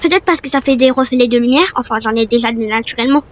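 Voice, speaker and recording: A woman's voice: fairly high pitch, fast, lo-fi sound, voice pushed down, close to an everyday voice. A woman voicing a friendly, girlish young K-pop trainee chatting casually in a role-play story. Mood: cheerful, chatty.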